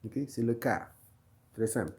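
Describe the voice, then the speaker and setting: A man's voice: mid-range voice, normal speed, dark tone, slightly rough. A man teaching a Quran reading lesson, patiently repeating each letter sound and explaining where it is made in the mouth. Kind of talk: slow online lesson.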